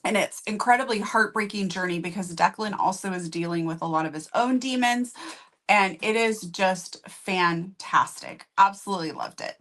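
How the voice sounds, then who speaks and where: A woman's voice: medium pitch, moderate pace, fairly bright tone. A woman co-hosting a casual book review chat, summing up a plot in a chatty way and laughing easily.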